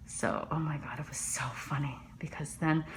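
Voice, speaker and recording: A woman's voice: low-pitched, fairly even intonation, normal speed, in a whisper. A middle-aged woman dermatologist chatting and telling stories while she works on a patient in a medical office, often dropping to a murmur. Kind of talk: chatting while performing a procedure.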